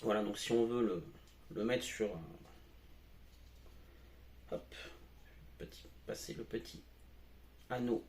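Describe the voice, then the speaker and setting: A man's voice: fairly low pitch, steady tone, slow, pauses often, a little mellow, echoey room. A man giving a casual product demo at home as a tech reviewer, talking with many hesitations and fillers.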